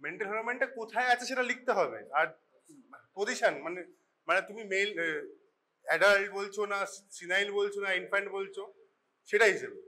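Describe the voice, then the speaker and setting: A high, bright man's voice, a Bengali lecturer talking casually to his class and slipping into English mid-sentence. He teases and scolds his students as he goes. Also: a little fast, long pauses. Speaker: forensic medicine lecturer. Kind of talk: informal classroom teaching. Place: college classroom.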